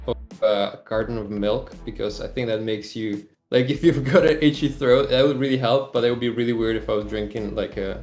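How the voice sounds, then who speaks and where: A young European man, half Serbian and half Czech, appears as a guest on a casual podcast interview, where he's introduced as an aircraft developer. His medium-pitched, slightly mellow voice is brisk with few pauses, though he uses many hesitant fillers, and the sound is reverberant.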